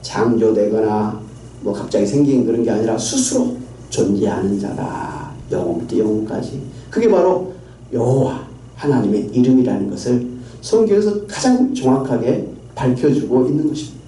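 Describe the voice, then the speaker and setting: A man's voice: medium pitch, animated, moderate pace, dark tone, a little hiss or hum. A man, a pastor, preaching an emphatic sermon, quoting scripture and using fillers as he goes. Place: church sanctuary. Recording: echoey church hall, distant mic.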